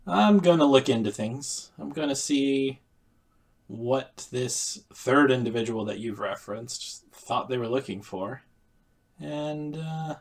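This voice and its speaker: A man voicing a stern male city official who wants things kept quiet, talking in a brusque, dry, mildly sarcastic way. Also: medium pitch.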